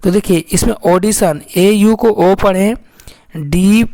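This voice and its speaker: A man teaching English pronunciation, slowly spelling out words letter by letter, often repeating himself and calling his viewers friends. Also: sits high, gravelly, warm tone. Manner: slow, repetitive, keeps addressing viewers as friends.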